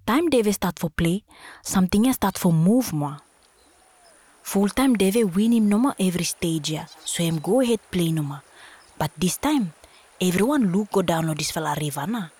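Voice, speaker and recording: A woman's voice: mid-range voice, darkish tone, slightly rough, no echo. A woman with a Solomon Islands accent narrating a storybook expressively in Solomon Islands Pidgin.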